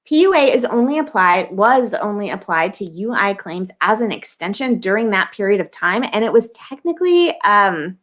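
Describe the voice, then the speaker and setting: Hosting a casual livestream Q&A, this American woman in her thirties fields viewer questions while thinking out loud, chatty and full of ums. Her medium-pitched, slightly bright voice swings widely in pitch at normal speed with hardly any pauses. A scratchy throat has her clearing it often.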